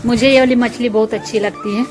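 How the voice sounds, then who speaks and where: A woman's voice: a little high, fairly even intonation, fairly quick. A woman, a mother, chatting homely and directly to her viewers as she walks them through cooking lunch at home. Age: adult, mother of school-age children. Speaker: home vlogger. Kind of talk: casual chat narrating a cooking routine. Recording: voice under loud background music.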